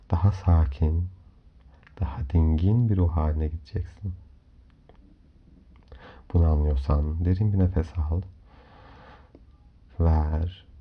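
A man hosting a guided hypnomeditation in a calm, soft, soothing voice, giving measured instructions with long pauses. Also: very deep voice. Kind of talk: slow guided meditation narration. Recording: dull lo-fi audio under music. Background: clear background music.

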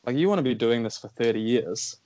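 A man rambles through his opinions on running in a casual podcast chat, scattering "like" through his speech. His pitch is average for a man. The sound is dry with no room echo. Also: lively intonation, brisk, warm tone. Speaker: runner guest.

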